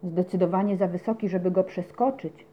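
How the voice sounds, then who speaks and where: A woman's voice: lowish voice, steady tone, a little fast, a little hiss or hum, close to an everyday voice. A woman voicing a lazy, comfort-loving male tomcat who grumbles reluctantly in a children's story. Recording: dull lo-fi recording.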